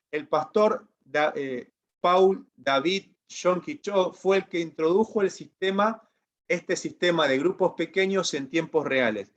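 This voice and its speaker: A man lectures his Bible class over a video call, his voice sitting a little high for a man. He talks like a preacher and keeps checking that his students agree. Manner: preacherly, asks the class for assent. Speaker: Bible institute teacher.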